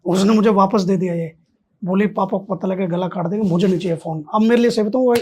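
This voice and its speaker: A man's voice: sits high, fast, mellow, slight background noise. A man, a podcast guest, telling a story in casual conversation and acting out both sides of the dialogue.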